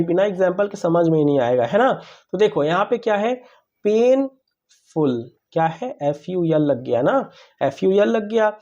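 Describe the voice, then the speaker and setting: A man's voice: sits high, a little mellow, highs cut off. A man teaching English grammar, who keeps asking questions and answering them himself and calls his listeners brother. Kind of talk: classroom-style grammar lesson.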